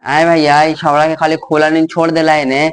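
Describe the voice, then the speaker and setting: A man acting as a pushy Magahi village man, high-voiced. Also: completely flat delivery, brisk, slight background noise, lightly acted. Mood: complaining. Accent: Magahi, Bihar. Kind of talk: rural comedy skit dialogue.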